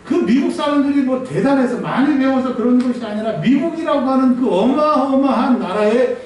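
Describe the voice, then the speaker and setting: Animated male pastor, high voice, sermon in a big echoey church, mic at a distance. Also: moderate pace, slight background noise. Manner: animated preaching, acting out voices and scolding, laughing often. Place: church sanctuary.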